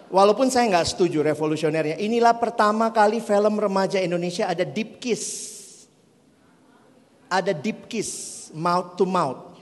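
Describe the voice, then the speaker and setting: High-voiced man speaking in a reverberant hall. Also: a bit bright, slight background noise. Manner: joking, asks the audience questions. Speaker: youth speaker. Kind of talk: playful talk to teenagers.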